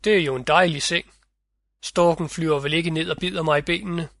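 A man's voice: on the high side, fairly even intonation, fairly bright tone, no echo, studio quality. A man voicing a cheerful, poor farmer in a storybook reading, eager and exclaiming.

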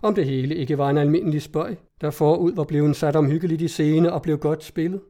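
A man narrating a story in a steady, measured reading style. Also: a little high. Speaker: audiobook reader.

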